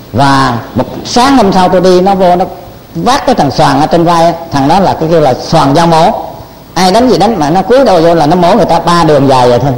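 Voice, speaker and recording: Elderly monk, animated sermon. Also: male voice, on the high side. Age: older. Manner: animated, acts out quoted speech, repeats words. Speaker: Buddhist monk teacher. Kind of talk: storytelling sermon. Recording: long hall reverb.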